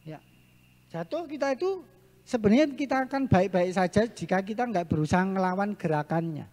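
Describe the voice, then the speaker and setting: A man giving a seminar talk on parenting, lively and often acting out what parents and children say. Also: sits high, a little fast. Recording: echoey hall.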